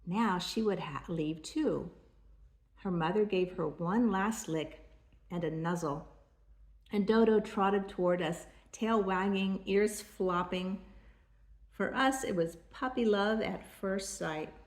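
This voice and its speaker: An older woman with a grandma voice, reading a children's storybook aloud in a measured storytelling way. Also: mid-range voice, a little mellow, echoey room.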